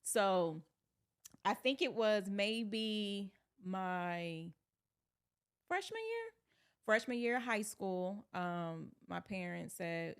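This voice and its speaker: A woman's voice: medium pitch, big pitch swings, very slow, clear, resonant tone. A young woman raised in North Carolina, a sports PR manager, telling her story in an upbeat way as a podcast guest. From born in Alabama, raised in North Carolina. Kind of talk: casual interview chat.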